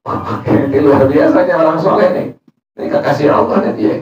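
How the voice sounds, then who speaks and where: Preacher, male, slightly high voice, reads Arabic then explains casually, distant mic, echoey room. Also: a little fast, a little mellow. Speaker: religious teacher. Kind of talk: Islamic study sermon. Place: prayer room.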